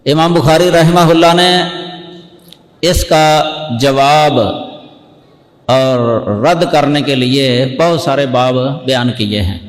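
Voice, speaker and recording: A man, an Islamic scholar, giving a religious lesson that explains terms step by step, slowing down and repeating key words for emphasis. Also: medium pitch. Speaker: Islamic scholar teaching hadith. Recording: echoey hall with long reverb.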